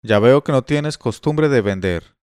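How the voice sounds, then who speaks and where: A man's voice: mid-range voice, lively intonation, unhurried, darkish tone, clear, resonant tone, no room sound, clean studio sound, close to an everyday voice. A man voicing a patient, courteous older merchant who bargains in a coaxing tone in a read-aloud tale. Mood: polite, coaxing.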